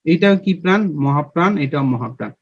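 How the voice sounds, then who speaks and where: A man's voice: fairly high pitch, expressive, fast talker, dry recording. A young man teaching a Bangla grammar lesson online. He explains step by step, quizzes his viewers and answers himself, and has them repeat sounds along with him. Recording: dull, lo-fi and dry.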